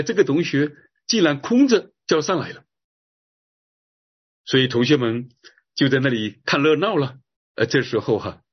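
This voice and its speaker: A male pastor with a very husky, breathy voice gives an earnest sermon, telling a story and then leading a prayer. His voice sits at an ordinary middle pitch. The recording is dull and lo-fi. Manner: earnest storytelling preacher, drawn-out phrases with filler "哈".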